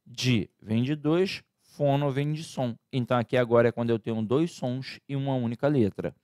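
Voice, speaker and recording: A man's voice: mid-range voice, moderate pace, a little mellow, no room sound, clean studio sound. Chatty man teaching grammar. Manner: casual, chatty teaching with slang and diminutives. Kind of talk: online exam-prep lecture.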